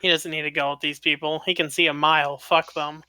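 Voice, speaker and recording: Man, tabletop player, blunt, swears casually, very bright voice, smooth and clear. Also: a little high, flat delivery, fairly quick, dry recording. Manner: blunt and profane.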